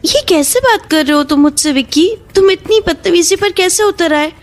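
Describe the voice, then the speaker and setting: An actress playing a touchy young woman who teases and quickly takes offense in an audio drama. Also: very high voice. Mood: accusing. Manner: teasing, quick to take offense. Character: young woman Shreya, touchy and sharp-tongued. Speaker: actor. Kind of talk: Hindi audio drama acting.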